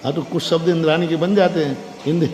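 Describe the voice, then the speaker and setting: A man's voice: a little high, fairly even intonation, quick pace, a little mellow. A man teaching as a monk in a classroom-style religious lecture, quizzing his listeners and repeating key phrases in a conversational way. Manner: quizzes listeners with frequent questions. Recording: echoey hall with faint background noise.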